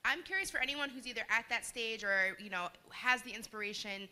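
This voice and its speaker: A woman's voice: a little high, a little fast, sharp tone. A woman moderating a live panel, chatty and playful as she asks questions.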